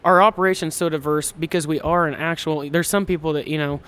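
This high-voiced Kansas man in his twenties runs a hunting ranch and rambles casually through a podcast interview, self-deprecating and full of restarts. He talks fast, keeping a steady tone that's fairly bright, clear and resonant.

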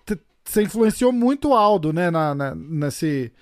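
A man's voice: fairly high pitch, big pitch swings, unhurried, no room sound. A Brazilian man hosting a casual podcast interview, enthusiastic, laughing often and dropping slangy interjections. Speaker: podcast host.

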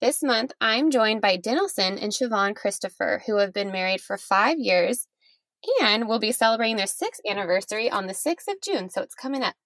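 A woman's voice: mid-range voice, expressive, brisk, fairly bright tone, dry recording. A woman hosting a podcast, chatting casually with guests and laughing easily. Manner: friendly, laughing, chatty with restarts. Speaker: podcast host. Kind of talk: casual interview chat.

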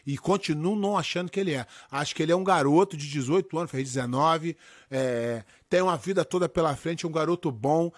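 Animated swearing Brazilian podcast host. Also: male voice, a little high, dry recording, clean studio sound. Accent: Brazilian Portuguese. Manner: animated storyteller, swears a lot, acts out quotes. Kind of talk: casual podcast banter.

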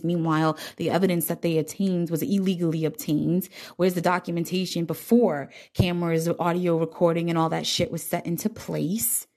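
A woman with a low, gravelly voice and a dark, mellow tone talks through a casual zodiac reading. She is blunt and profane, and she gets heated and animated as she lays out her advice. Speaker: tarot reader.

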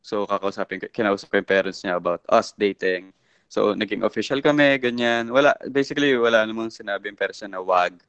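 A man's voice: on the low side, quick pace, fairly bright tone, clean tone, dry recording, muffled recording. A man, calling in and telling his story in a hesitant, rambling mix of Tagalog and English. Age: 30s. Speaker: caller.

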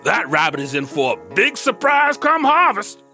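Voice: mid-range voice, sing-song, moderate pace, sharp tone, faint music behind. An actor playing a lazy, sleepy, scheming male bear in a children's story, with a drowsy, drawling and smug way of talking.

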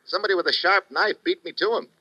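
In a dry, lo-fi old radio recording, a man with a high, bright, pushed voice talks fast as the lead actor in a 1950s radio drama. He plays a wisecracking foreign correspondent with a breezy tough-guy delivery.

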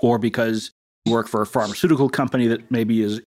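A man co-hosting a business podcast in casual chat, with measured delivery and dry jokes. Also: mid-range voice, steady tone, a little mellow, dry recording. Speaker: podcast co-host.

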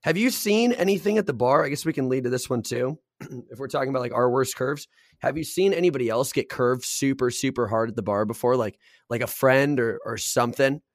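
Recorded in a clean studio with no echo, this podcast host speaks in a mid-range voice at a slightly quick pace. His bar stories come out excitable and casual, with plenty of swearing.

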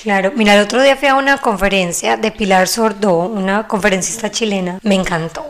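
A woman, a mother of three, chatting as host and reacting warmly to her guest with lively asides. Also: medium pitch, brisk. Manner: chatty and expressive, acts out quoted voices. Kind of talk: casual talk-show chat.

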